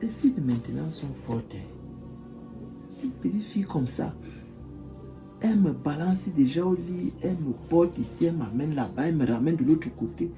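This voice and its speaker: An actor with a Cameroonian French accent playing a smooth-talking older man courting a young girl, with a wheedling, coaxing manner. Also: a little high, animated, normal speed, music in the background.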